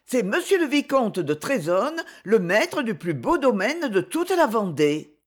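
Doting old country nurse, exclaiming and gushing, pitch jumping way up, put on by a woman reading. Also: big pitch swings, measured pace. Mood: confiding. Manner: exclaiming, fond and chatty. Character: warm, proud peasant woman, former nurse, older.

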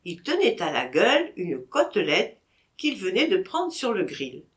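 Woman reading a classic novel out loud, slow and unhurried, voice jumps around a lot. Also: medium pitch. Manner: lively expressive reading, voicing each character. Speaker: audiobook reader. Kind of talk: scripted narration of a classic novel.

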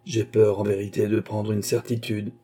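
A man's voice: mid-range voice, animated, normal speed, warm tone, slightly rough. A man voicing a young knight who answers his father coldly and with restraint in an audiobook. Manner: cold, restrained, curt. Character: young chevalier son, cold and dignified. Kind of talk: audiobook character reading.

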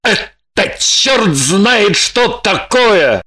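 A woman voicing a hungry, indignant grown man who is hiding from a husband, speaking loudly and theatrically. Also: lowish voice, slow pace. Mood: outraged. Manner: loud, outraged, theatrical.

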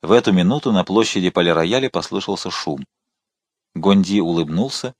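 A man narrating a historical novel in an audiobook with steady, expressive storytelling. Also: deep voice, fairly quick, no echo. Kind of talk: scripted narration.

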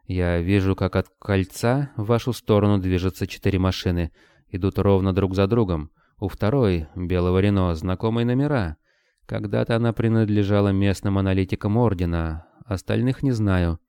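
A calm lookout gives a level, matter-of-fact report in a low voice, as a male narrator reads him. The tone is dark and smooth. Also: moderate pace, dry recording, clean studio sound. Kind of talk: audiobook character voice.

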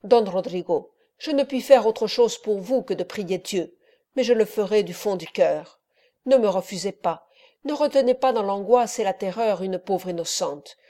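A man's voice: sits high, moderate pace, mellow, lightly acted. A woman reading an elderly friar in an audiobook, fervent and preaching. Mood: imploring. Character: impassioned elderly male friar, pleading then wrathful.

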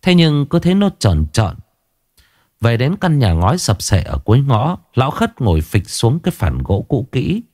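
A male storyteller reading a horror tale in a dramatic, scripted way. His pitch swings in a lively way, and the recording is dry and close. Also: moderate pace, no echo.

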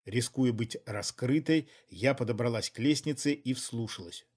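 A man reading an audiobook in even, measured scripted narration. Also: medium pitch.

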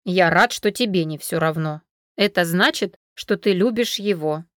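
A woman voicing a young male dragon, the heroine's cousin, who speaks calmly and matter-of-factly in an audiobook. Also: fairly low pitch, moderate pace, no room sound, lightly acted. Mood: teasing. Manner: calm, dry, matter-of-fact.

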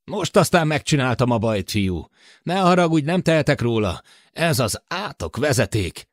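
A talkative, teasing spaceship crewman, as a male reader puts him on in a raised, lively voice that swoops up and down. His delivery is chatty and apologetic by turns, with the dry, close sound of a studio audiobook. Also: medium pitch, no room sound, voice pushed up, natural voice. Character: joking male spaceship crewman stuck in the dark.

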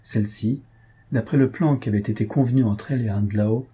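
Mellow, husky male audiobook narrator. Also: on the low side, fairly quick. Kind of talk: scripted novel narration.

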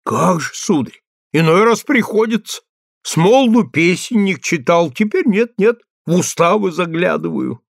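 A man voicing a gruff, simple-minded old army major who blusters excitedly. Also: high-pitched, normal speed, dry recording, studio quality, pitched above the performer's own voice, full character voice. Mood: blustering.

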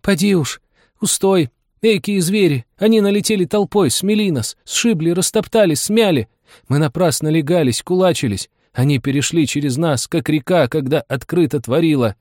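A man's voice: a little high, normal speed, darkish tone, no echo, clean studio sound, pitched above the performer's own voice, lightly acted. A man voicing a cheeky thirteen-year-old boy apprentice in an audiobook, telling his story in a breathless, tearful rush. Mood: frantic. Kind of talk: audiobook character voice.

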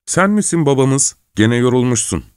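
A doting, plump mother speaks sweetly and coaxes her husband and daughters, pitched clearly higher than the reader's own voice, as a man puts her on. The sound is dry and close, with no room around it. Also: big pitch swings, fairly quick, a little mellow, no echo. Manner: soothing, doting. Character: fond plump middle-aged mother.

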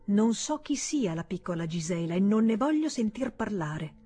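A woman's voice: medium pitch, very animated, moderate pace, dark tone, breathy edge. A woman doing a thundering, furious male senator. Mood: stern. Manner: commanding, thundering and threatening. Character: stern middle-aged male senator, furious older brother.

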